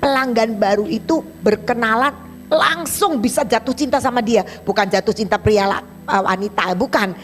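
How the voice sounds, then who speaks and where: A woman's voice: a little high, normal speed, soft background music. A woman evangelist preaching a sermon, telling a story with chatty acted-out dialogue. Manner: animated, acts out both sides of dialogues in a chatty colloquial way.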